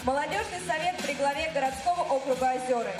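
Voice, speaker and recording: A female host with a high voice presents formally, like a ringmaster at a ceremony. She sounds distant in an echoey hall, with loud music underneath. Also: fast. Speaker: contest host. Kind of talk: scripted ceremonial stage announcing. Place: large theatre stage, indoors.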